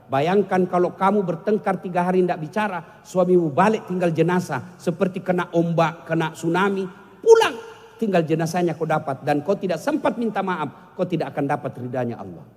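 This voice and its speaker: A man's voice: high voice, lively intonation, moderate pace, in a large hall. A man preaching a humorous sermon, joking with the audience and singing snatches of songs. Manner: jokey, sings snatches of songs, banters with the audience. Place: large hall with an audience.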